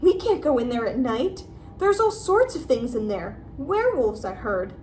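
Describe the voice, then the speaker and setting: A woman's voice: on the high side, big pitch swings, normal speed, darkish tone, a little hiss or hum. A woman voicing a haughty, frightened, petulant schoolboy in a storybook. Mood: scared. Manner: petulant, protesting.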